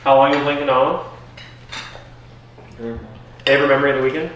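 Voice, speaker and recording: A man's voice: mid-range voice, level tone, brisk, lo-fi sound, noisy background. A man moderating a casual roundtable, upbeat and hyping the speakers on. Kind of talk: casual hosting. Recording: roomy, distant, dish clatter behind.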